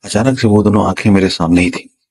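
A man with a very low, husky voice shares a spiritual experience in the manner of a teacher. He speaks slowly and dramatically, repeating words to draw the listener in. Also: darkish tone. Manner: slow, dramatic storytelling with repeated words for suspense. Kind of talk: storytelling a personal spiritual experience.

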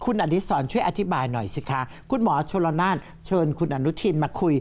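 Fast-talking woman hosting a talk show. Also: lowish voice, big pitch swings, darkish tone. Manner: pressing, probing questions. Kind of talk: studio talk show interview.

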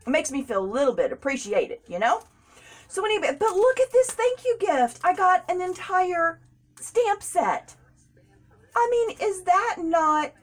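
A woman, chatting casually and gushing as she unboxes craft supplies, laughing often. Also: a little high. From United States. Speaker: crafting vlogger.

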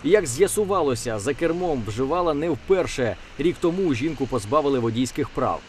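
A man's voice: mid-range voice, lively intonation, a little hiss or hum. A man narrating a news report as a formal, scripted voice-over. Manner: measured, formal.

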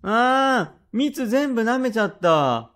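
A man's voice: on the high side, animated, moderate pace, lightly acted. A man voicing a cheeky, pestering little boy who wheedles his father for treats in a rakugo tale. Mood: whiny. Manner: wheedling, whiny. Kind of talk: rakugo storytelling.

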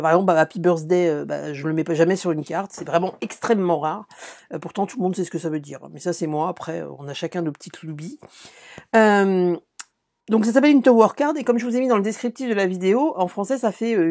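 A middle-aged woman from France hosts a live craft stream, chatting casually, answering viewers, and showing her work. Her voice is fairly low and a little mellow, with many fillers and restarts.

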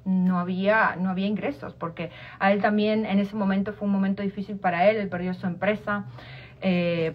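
A woman with an Argentine accent, a life coach giving an informal motivational talk, repeating herself and restarting phrases. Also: mid-range voice. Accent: Argentine Spanish. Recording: dull lo-fi sound.

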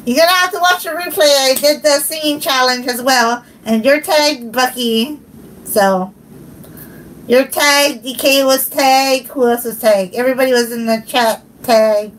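A woman's voice: high-pitched, measured pace, slight background noise, low-quality recording. A young woman hosting a livestream, chatting casually with viewers, giggling often and thanking them by name. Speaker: livestream host.

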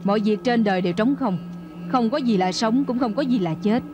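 A woman voices a serene elderly Buddhist nun in a dubbed film drama. She speaks slowly and evenly, like a sermon, in a fairly high voice. A film score plays clearly behind her. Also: music in the background, close to an everyday voice. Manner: slow, calm, sermon-like. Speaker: dubbing actor. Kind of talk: Vietnamese film dub.

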